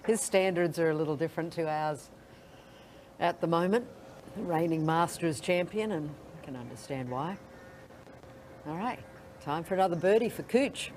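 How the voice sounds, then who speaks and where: A man working as a golf commentator, giving understated, measured live commentary between shots. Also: fairly high pitch, darkish tone, slight background noise, poor audio.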